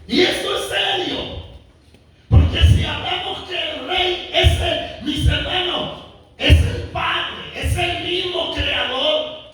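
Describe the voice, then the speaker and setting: A man preaching a sermon with impassioned, drawn-out emphatic phrases that rise to shouts, recorded in a church sanctuary. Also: very high-pitched. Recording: very echoey church hall, mic at a distance, faint noise.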